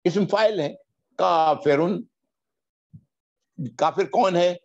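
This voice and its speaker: A man teaching Quranic Arabic grammar word by word, drawing out each Arabic word slowly and then explaining it quickly. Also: sits high, creaky, darkish tone, lo-fi sound. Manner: drawn-out recitation of Arabic words between quick explanations. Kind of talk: word-by-word grammar lesson in Urdu.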